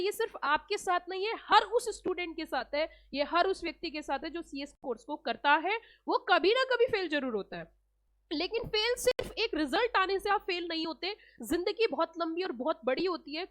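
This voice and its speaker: Casting: high-pitched woman, exam coach, earnest and emphatic, repeats herself for effect. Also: fairly bright tone. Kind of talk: motivational talk to students.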